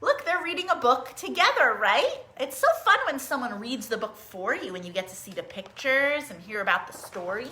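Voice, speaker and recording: Her voice sits high, and she talks at normal speed with hardly any pauses. This woman is a librarian running a live online story time, reading and teaching songs to young children in a lively, sing-song manner. The audio has a roomy echo.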